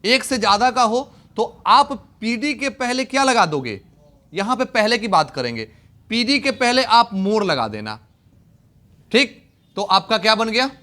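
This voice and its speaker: A young male teacher with a high voice talks through a grammar lesson. He keeps asking his class questions and stops often to check that everyone is following. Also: sing-song, unhurried, bright, forceful tone. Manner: repeats questions to students, checks understanding often.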